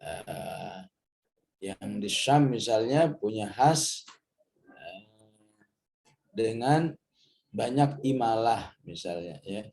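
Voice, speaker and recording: A middle-aged man from Indonesia teaching a Quran study lesson, explaining patiently, checking in with "ya" and reciting Arabic verses slowly. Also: on the low side, lively intonation, gravelly, a little mellow.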